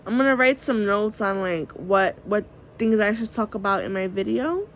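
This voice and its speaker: A woman's voice: mid-range voice, normal speed, a little hiss or hum. A woman vlogging at home late at night into her phone camera, rambling candidly, peppering her talk with "like" and swearing freely. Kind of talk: casual late-night vlog monologue.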